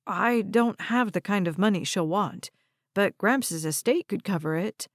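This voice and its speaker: A greedy, scheming man, voiced by a woman narrator, smooth and pushy in his speech. It is a dry, close audiobook recording. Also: medium pitch, a little slow, dry recording, natural voice. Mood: insistent.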